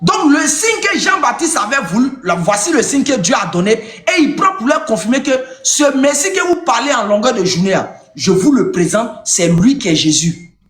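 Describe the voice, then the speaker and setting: A man's voice: extremely high pitch, very animated, moderate pace, a bit bright. A man arguing emphatically in a religious debate, lecturing and raising his voice. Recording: echoey room.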